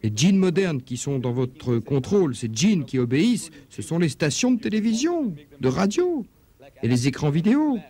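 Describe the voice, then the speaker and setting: A man preaching in a dubbed religious lecture, emphatic, asking rhetorical questions, his pitch swinging up and down. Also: very animated, moderate pace, warm tone.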